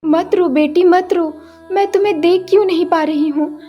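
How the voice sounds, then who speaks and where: Woman doing a gentle cartoon mother. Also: extremely high pitch, fairly even intonation, moderate pace, lo-fi sound. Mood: soothing. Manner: motherly, soothing, gently chiding. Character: caring middle-aged mother, gentle and scolding. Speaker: voice actor. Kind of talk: dubbed cartoon acting. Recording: with background music.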